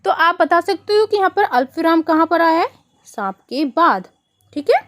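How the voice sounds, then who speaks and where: A woman teaches young children from a worksheet. Her voice sits high and swings widely in pitch. She explains patiently, asking the kids questions and calling them "beta". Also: expressive, moderate pace, a bit bright. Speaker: primary school teacher. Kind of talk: online worksheet lesson for children.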